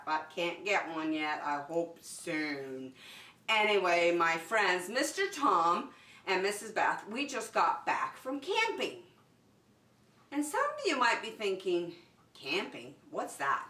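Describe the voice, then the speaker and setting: A mid-range, sing-song voice, unhurried and pushed bright, belongs to a preschool teacher leading story and circle time. Talking right to the young children, she uses short, simple, encouraging lines in a lesson with singing. The recording is distant, in a roomy space.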